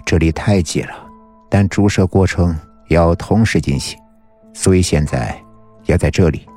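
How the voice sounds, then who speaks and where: Guy reading a tall calm man, flat and unbothered, low husky voice. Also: faint music behind. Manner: flat, unhurried, matter-of-fact. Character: tall calm man giving injections, detached.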